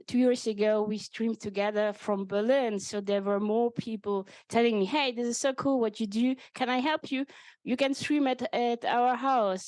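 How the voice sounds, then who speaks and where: A woman's voice: fairly high pitch, darkish tone, no room sound. A woman who founded the event, welcoming a live audience in a frank, self-mocking way and laughing often. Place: event space at a meetup.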